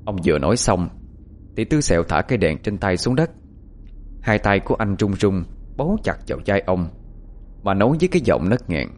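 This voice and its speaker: Male horror narrator, low, animated, suspenseful. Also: brisk, slight background noise. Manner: expressive, suspenseful. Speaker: storyteller.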